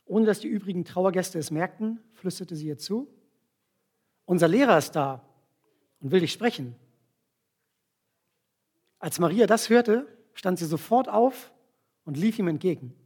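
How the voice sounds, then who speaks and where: With a fairly high, husky, animated voice of darkish tone, a man preaches to a gathering and retells a scripture passage step by step. Volunteers stand to act it out, while he explains slowly and checks in using short tag questions, making it a sermon with volunteer demonstration.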